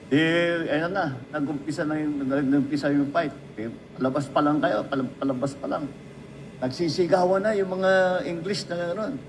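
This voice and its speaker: Filipino-accented man, high-pitched, anecdotal tribute speaker with faint background noise. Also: moderate pace. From Philippines. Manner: storytelling, addresses the listener directly. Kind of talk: anecdotal speech.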